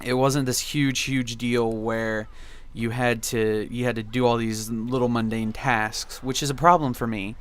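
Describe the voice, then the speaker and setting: A man's voice: mid-range voice, fairly even intonation, a little slow, few pauses, fairly bright tone, clear, resonant tone. A young man reminiscing casually in gameplay commentary, with a laid-back, rambling and nostalgic way of talking. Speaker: video game commentary host.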